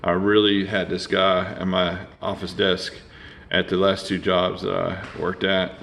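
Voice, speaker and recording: A man's voice: low-pitched, monotone, measured pace, creaky, a bit bright. A man, rambling casually through a toy review with lots of fillers and restarts.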